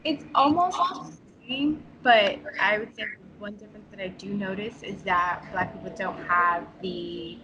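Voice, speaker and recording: A woman from New York, United States, chats frankly and casually as an interview guest, her mid-range voice a little slow and peppered with fillers and restarts. The highs are cut off and the background is noisy.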